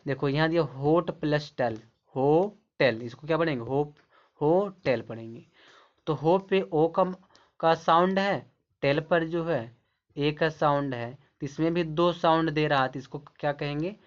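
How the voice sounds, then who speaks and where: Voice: mid-range voice, a little slow, muffled recording. A teacher giving a step-by-step explanation to camera. The teacher keeps repeating points and asks rhetorical questions, then answers them. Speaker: English teacher. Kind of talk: classroom-style explanation to camera.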